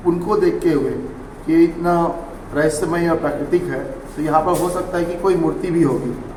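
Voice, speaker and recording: A man's voice: a little high, steady tone, normal speed. Man explaining in an echoey temple. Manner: patient, explanatory, with soft acknowledgments. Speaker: temple priest. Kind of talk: explanatory interview answers. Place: temple grounds, roomy with reverb. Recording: echoey hall, faint background noise.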